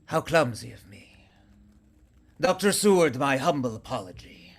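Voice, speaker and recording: An actor playing a suave, courtly Transylvanian vampire count in a radio play, speaking with formal, ornate politeness. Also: male voice, on the high side, expressive, a little slow, a little hiss or hum. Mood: polite restraint. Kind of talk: theatrical radio play acting.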